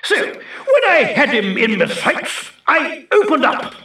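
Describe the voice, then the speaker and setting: A storyteller voicing a pompous, boastful male battle cruiser who shouts and blusters. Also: high-pitched, very animated, slow pace, echoey room, distant mic, voice pushed up, exaggerated voice. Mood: mocking. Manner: blustering, shouting, mocking laughter.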